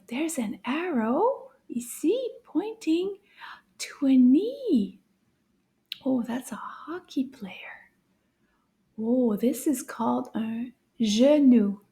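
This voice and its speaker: A woman leads a children's language lesson with a high, bright-pitched voice. She speaks very slowly, stretching out each word so young learners can repeat it. Her tone is animated and encouraging throughout. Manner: slow, drawn-out enunciation for learners; animated, encouraging teacher talk. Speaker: French teacher for children.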